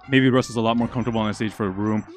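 A young man giving live, excitable commentary on a fighting game match, out of breath and stumbling over his words. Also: on the low side, fast, soft background music. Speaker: esports commentator.

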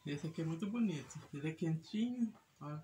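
With a low, mellow voice and lively intonation, a middle-aged Brazilian home vlogger and mother chats a little fast while tackling chores. Her talk rambles and repeats, often closing with a tag to check in with the listener, and clear household noise and handling clicks fill the small room.

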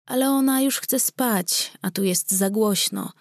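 A woman's voice: on the high side, unhurried, no echo, clean studio sound. A woman reading the lines of a bashful young village girl in a storybook, speaking timidly and hesitantly. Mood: flustered.

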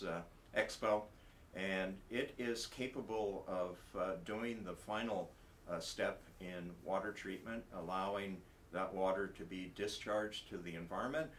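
A man in his sixties, a research professor, explaining his project to camera in a halting way with many filler pauses, recorded in an office. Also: deep voice, fairly bright tone, a little hiss or hum. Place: indoor office. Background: faint music.

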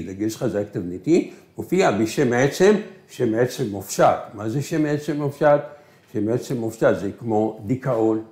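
A male teacher whose first language is Arabic gives a recorded grammar lesson. He asks questions and answers them himself, slowing down on key words. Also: medium pitch, darkish tone. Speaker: Hebrew teacher. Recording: echoey room.

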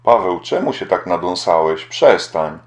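A man's voice: sits low, animated, unhurried. A man reading the part of a young woman who pleads and pities herself. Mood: pleading. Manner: pleading, self-pitying.

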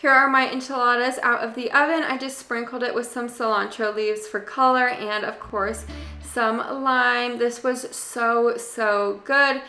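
A young woman narrating a casual cooking video from her home kitchen, chatty and relaxed, talking straight to her viewers. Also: fairly high pitch, unhurried, roomy sound, faint music behind. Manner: chatty, relaxed, addresses viewers as "you guys". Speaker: cooking channel host.

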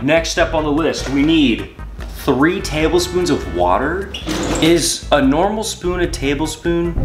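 A young man vlogging while he cooks in his home kitchen, joking, swearing and talking to his viewers. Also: on the high side. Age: young adult. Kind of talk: casual cooking vlog. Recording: echoey kitchen with background music.

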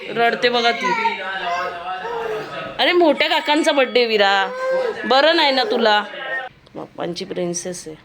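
A woman's voice: a little high, animated, a little slow, long pauses, crowd noise. A woman vlogging at home, coaxing and chiding her children, then confiding to the camera. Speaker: family vlogger and mother. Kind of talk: casual home vlog chat. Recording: loud background noise.

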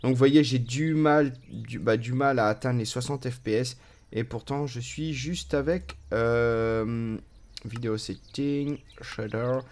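This is a man talking through his own gameplay in a relaxed, chatty way. He fills pauses freely, and his voice jumps up and drops down in pitch and loudness as he goes. His pitch sits in the middle range for a man. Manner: chatty, playful, with many fillers and swings in pitch and loudness. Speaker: let's play host. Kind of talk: casual gameplay commentary.

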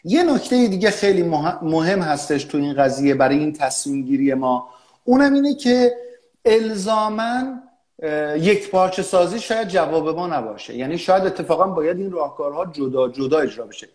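High-voiced man explaining in an echoey room. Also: lively intonation, a little mellow. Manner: lecturing, frequent hesitation fillers. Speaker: business analysis expert guest. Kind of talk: explanatory interview answer.

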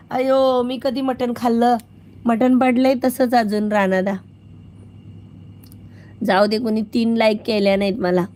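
A woman's voice: medium pitch, a little mellow, a little hiss or hum. A woman hosting a casual live stream, playfully greeting viewers by name and thanking them for their support.

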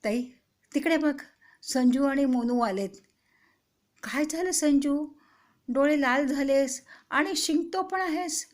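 A woman voicing an excited, chatty young boy telling his sister about a mishap in a children's story. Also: high voice, slow pace, pauses often, voice pushed up.

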